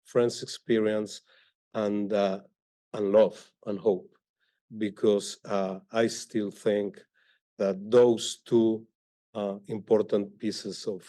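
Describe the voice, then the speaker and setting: A man speaking as an author on a live library panel, halting and searching for words as he talks. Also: fairly low pitch, dark tone. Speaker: author on a panel, also teaches. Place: library event hall.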